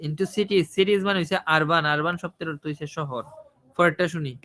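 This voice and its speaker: A man's voice: on the high side, a little fast, pushed and bright. A man teaching an IELTS listening class, asking his students questions and repeating his points. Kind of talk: online listening class, explaining in Bengali.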